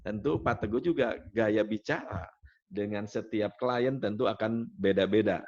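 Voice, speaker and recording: Gravelly male workshop trainer, chatty. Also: lowish voice, measured pace, a little mellow. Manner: chatty, personal stories, asks the group questions. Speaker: NLP trainer. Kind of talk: workshop teaching. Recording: dull lo-fi sound.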